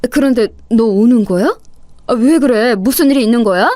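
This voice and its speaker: A woman voicing a gentle, worried elderly father who speaks soothingly. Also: fairly high pitch, normal speed, dry recording, natural voice. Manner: soothing, reassuring.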